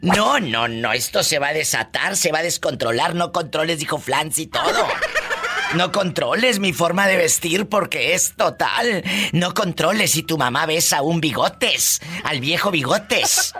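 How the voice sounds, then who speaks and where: A woman's voice: deep voice, expressive, unhurried, pushed and bright, slight background noise. A woman hosting a comic call-in show, flamboyant, teasing and campy. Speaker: radio comedy host.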